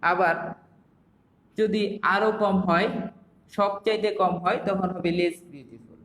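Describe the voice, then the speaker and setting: A young male teacher with a Bangladeshi accent walks his students through a lesson, asking rhetorical questions as he goes. His voice sits high for a man. The recording carries a roomy echo with a long, lingering reverb. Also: fairly even intonation, slow, fairly bright tone. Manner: explains step by step with rhetorical questions. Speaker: English teacher. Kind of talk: online classroom lesson.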